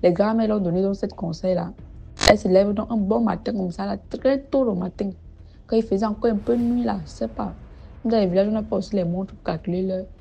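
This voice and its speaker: A woman's voice: medium pitch, fairly quick, gravelly, mellow, slightly rough. A woman, telling a village story in a casual spoken way, often hesitating and repeating words. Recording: dull lo-fi audio with background music.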